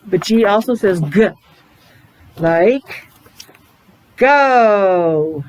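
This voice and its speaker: A middle-aged preschool or special education teacher stretches out her words expressively in a mid-range voice while leading kids through a morning meeting of simple repeated phrases, questions and letter sounds. The recording is rough.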